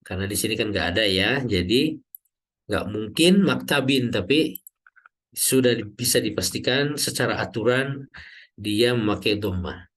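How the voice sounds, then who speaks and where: A man teaching Arabic grammar in an online class, explaining slowly and drawing out example words, often checking in with "ya". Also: lowish voice, lively intonation, a bit bright, husky. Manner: slow, drawn-out teacher's explanation with frequent "ya" checks.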